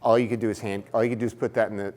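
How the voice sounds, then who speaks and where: A man's voice: fairly low pitch, little pitch movement, very fast, darkish tone. A man giving a casual, explanatory training talk for poll workers, with fillers and restarts. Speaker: election trainer.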